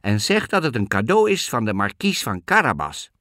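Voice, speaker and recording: A man's voice: sing-song, moderate pace, bright, forceful tone, no echo, studio quality. A man voicing a cunning, bossy talking cat in boots in a storybook reading. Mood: scheming. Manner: high, pushy, commanding.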